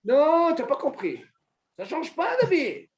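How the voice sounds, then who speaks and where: A man teaching an informal religious lesson to a small group, animated, asking questions and calling on a student by name. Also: very high-pitched, measured pace. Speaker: Torah teacher.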